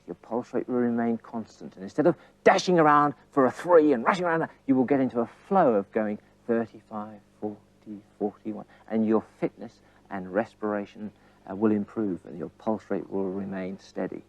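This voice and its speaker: A man's voice: mid-range voice, a little mellow, dry recording. A man coaching tennis on court, asking his pupils coaxing questions and counting rally hits aloud. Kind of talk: on-court teaching demonstration. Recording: dull lo-fi old TV recording.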